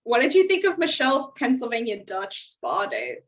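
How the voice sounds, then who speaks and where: On a reality TV recap podcast, this American co-host chats openly, voicing strong opinions and swearing casually. She has a slightly high voice with huge pitch swings and a moderate pace. The audio is muffled and distant, with a little hiss or hum.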